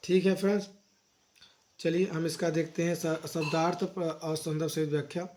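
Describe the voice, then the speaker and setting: A man teaching an exam lesson, reading verses slowly and then explaining them briskly. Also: on the high side, level tone, a little mellow.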